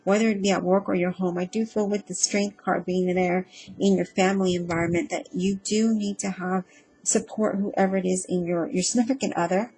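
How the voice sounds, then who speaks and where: A woman giving a casual spoken tarot reading, earnest and reassuring, speaking haltingly with frequent ums and restarts. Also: fairly low pitch, steady tone, mellow, husky, rough recording. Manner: hesitant and halting, with frequent ums and self-repeats; earnest and reassuring, addressing the listener directly. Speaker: tarot reader.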